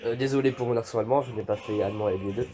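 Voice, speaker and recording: A young man with a mid-range voice races through an unboxing video, casual and hesitant, with plenty of fillers. He's a YouTuber unboxing militaria, and the background is noisy, with music playing.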